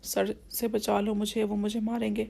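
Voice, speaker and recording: Scared young woman pleading tearfully, gravelly low-key delivery, read by a woman narrator. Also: completely flat delivery, mellow.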